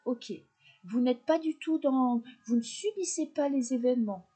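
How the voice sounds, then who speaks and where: A woman chats through a tarot reading, speaking directly to her viewers and pausing on fillers as she thinks. Her voice sits fairly high but sounds dark and mellow. There is a husky grain to it. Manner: chatty, addresses viewers directly, many fillers. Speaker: tarot reader.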